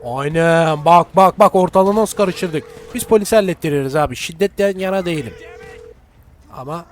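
A man giving high-energy gameplay commentary, excitable and prone to shouting at the game. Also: moderate pace, a little hiss or hum. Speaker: gaming YouTuber.

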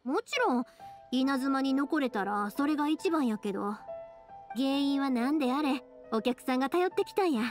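Over background music, a woman with a high, lively voice delivers game lines at normal speed. She portrays a spirited, caring young fireworks maker with a Kansai accent, sounding reassuring, friendly and earnest.

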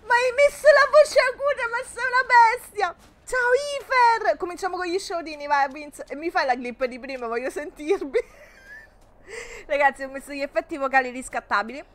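Lady in her 30s streaming a game, highish voice, jumpy and chatty, laughs a lot. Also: moderate pace, a bit bright, a little hiss or hum. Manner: chatty and jumpy, laughing often, greeting viewers. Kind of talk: casual live-stream chat while gaming.

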